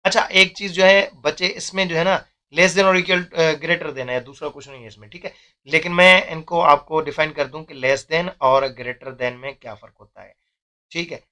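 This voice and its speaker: A man's voice: fairly high pitch, steady tone, normal speed, sharp tone. A young man, teaching a math lesson step by step and often checking in with "theek hai".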